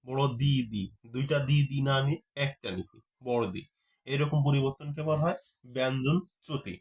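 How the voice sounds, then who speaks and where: A man's voice: mid-range voice, fairly even intonation, moderate pace, darkish tone. A man teaching a grammar lesson. He repeats key terms and keeps asking the class rhetorical questions.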